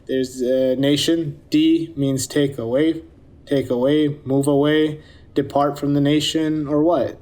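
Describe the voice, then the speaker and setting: A man's voice: fairly high pitch, little pitch movement, slow, a little mellow. A man being interviewed, answering hesitantly, unsure and evasive.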